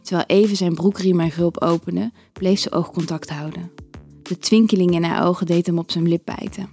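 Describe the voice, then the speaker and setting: Low, mellow woman narrating a story. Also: fairly even intonation, moderate pace, vocal fry, husky, soft background music. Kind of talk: scripted erotic story narration.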